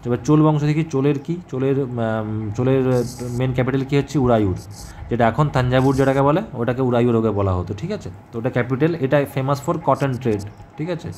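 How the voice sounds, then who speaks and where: A man teaching an exam-prep history lesson in a conversational way, often pausing to check that students follow. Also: mid-range voice, darkish tone, slight background noise. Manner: conversational, repeats "ঠিক আছে?" as a check-in, many fillers.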